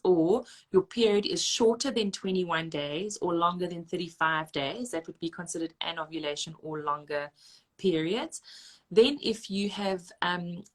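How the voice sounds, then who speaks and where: Woman, dietitian guest, lowish voice, quick and emphatic, lots of restarts. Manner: fast, emphatic, with many restarts. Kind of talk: conversational expert explanation.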